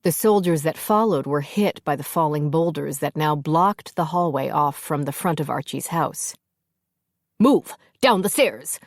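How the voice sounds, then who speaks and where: A woman narrating a fantasy audiobook in a steady, measured storytelling manner. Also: low-pitched, no echo, clean studio sound.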